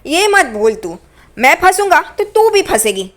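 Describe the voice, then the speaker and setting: A woman's voice: high voice, animated, moderate pace, a bit bright. A woman reading a taunting male gangster. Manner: taunting, scolding. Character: brash scheming male gangster.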